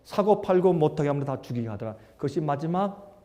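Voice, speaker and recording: A male pastor preaching a sermon, emphatic, firing rhetorical questions and swinging between loud and hushed. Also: fairly high pitch, lively intonation, brisk. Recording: long hall reverb.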